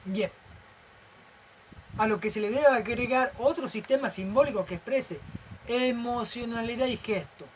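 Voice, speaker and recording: A man's voice: very high-pitched, a little slow, pauses often, slight background noise, low-quality recording. A man with a Rioplatense accent gives an informal lecture as a teacher. He explains things step by step and keeps checking that the listener is following. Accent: Rioplatense Spanish. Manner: animated and gestural.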